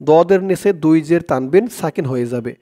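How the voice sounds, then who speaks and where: A man teaching Quran reading step by step, drawing out each recited word slowly and then dropping into quicker, quieter spoken explanations. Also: expressive. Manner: slow drawn-out recitation alternating with quick low spoken explanations.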